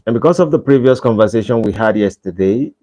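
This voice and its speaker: Speaking fast in a mellow, animated mid-range voice, this Nigerian man runs a casual livestream and keeps urging viewers to leave likes. The sound quality is dull and lo-fi.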